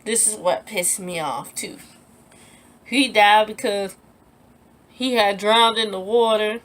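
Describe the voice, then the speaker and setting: A young woman telling a personal story in a storytime vlog, animated and emphatic, acting out what people said in a raised voice and repeating herself when upset. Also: mid-range voice, slow. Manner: animated, acts out quoted lines in a raised voice.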